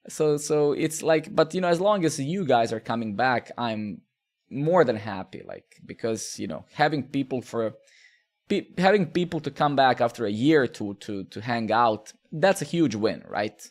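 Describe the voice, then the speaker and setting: A man's voice: mid-range voice, lively intonation, unhurried. Rambling Serbian-born streamer man. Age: 30s. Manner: rambling, lots of filler, swears, asks "right?". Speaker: live-coding streamer. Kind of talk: casual chat while coding.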